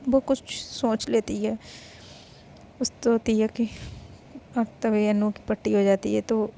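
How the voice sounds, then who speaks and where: A woman's voice: medium pitch, level tone, slow pace, creaky, warm tone, slight background noise. A woman from India casually narrating a romance story, improvising the retelling and mixing English words into her speech.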